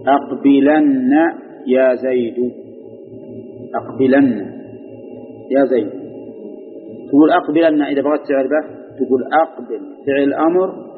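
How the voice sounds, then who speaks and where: A man's voice: medium pitch, a little hiss or hum. A man teaching Arabic grammar to a class, repeating rulings and quizzing his students. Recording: phone-like sound with long hall reverb.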